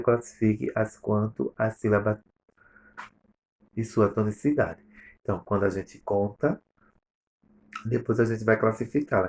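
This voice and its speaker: A man's voice: on the low side, creaky, darkish tone. A male teacher with a Brazilian Portuguese accent, going over exercise answers step by step in a recorded lesson review. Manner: explains step by step, reading answers aloud.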